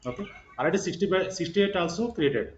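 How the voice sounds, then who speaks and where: A man's voice: high-pitched, animated, fairly quick, slight background noise. A man giving an informal online lecture as a course trainer, repeating himself and checking in with "right" and "okay". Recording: roomy echo, slightly muffled sound.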